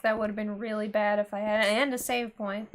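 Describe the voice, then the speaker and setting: Expressive woman streamer reacting to a game. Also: mid-range voice, brisk, slight background noise. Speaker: gaming streamer. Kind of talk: let's play commentary.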